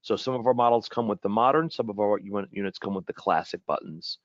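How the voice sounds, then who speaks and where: In an informal webinar, a man presents a product haltingly, frequently repeating and rephrasing himself. His voice is fairly low, with no room sound and the high frequencies cut off.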